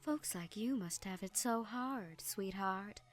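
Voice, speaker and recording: A woman's voice: mid-range voice, takes it slowly, soft background music, lightly acted. A woman voicing a young, obsessive yandere woman in a video game, light and sing-song. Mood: mocking.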